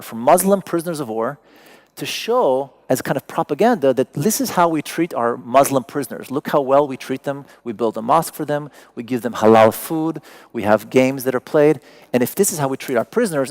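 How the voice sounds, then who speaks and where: A man who is a native Persian speaker lectures to an audience in a medium-pitched, expressive, brisk voice. He is wry and digressive, slipping in joking asides.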